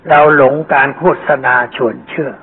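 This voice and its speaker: An older man, a Buddhist monk, giving a dhamma sermon in a plain, homely, unhurried teaching manner with folksy asides. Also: medium pitch, steady tone. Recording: old phone-like lo-fi recording with faint hiss.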